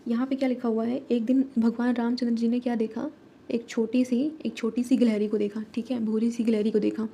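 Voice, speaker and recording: A woman's voice: a little high, level tone, dark tone. A woman with an Indian accent who teaches a lesson, mixing Hindi and English, repeating herself and asking rhetorical questions. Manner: explains slowly and repeats, asks rhetorical questions. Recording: dull lo-fi recording.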